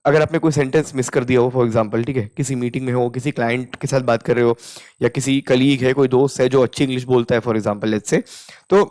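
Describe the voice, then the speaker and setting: A young man with an Indian accent, teaching spoken English in a casual lesson, mixing Hindi with English and repeating example sentences slowly. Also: medium pitch, steady tone, darkish tone.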